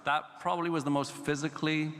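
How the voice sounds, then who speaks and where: A man actor on a convention panel, telling a story in a relaxed, joking way. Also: a little high, fast talker. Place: large convention hall. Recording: hall reverb.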